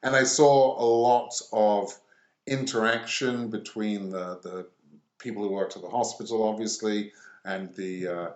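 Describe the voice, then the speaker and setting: A middle-aged man from England answers interview questions in a halting, pausing way. His voice sits on the low side and carries the ring of an echoey room. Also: steady tone, highs cut off. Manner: halting, pausing often between phrases. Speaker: interview guest. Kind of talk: conversational interview.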